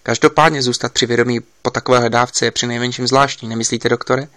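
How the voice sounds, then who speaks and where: A man's voice: mid-range voice, fairly even intonation, pushed and bright, dry recording, lightly acted. A man reading an audiobook, voicing an insistent investigator giving urgent instructions over a line.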